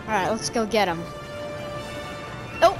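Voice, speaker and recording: A chatty woman talks her way through a video game match in casual commentary, her voice sitting a little high. She reacts loudly to every twist of the game. Game music plays clearly behind her. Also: lively intonation, unhurried. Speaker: gamer. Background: game music and sound effects.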